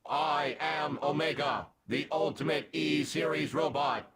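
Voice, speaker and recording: A man whose voice is AI-converted to voice a boastful male battle robot with a metallic robot sound, announcing in flat mechanical tones. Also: a little high, a little slow, a crowd in the background, pitched above the performer's own voice. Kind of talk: AI voice demo clip.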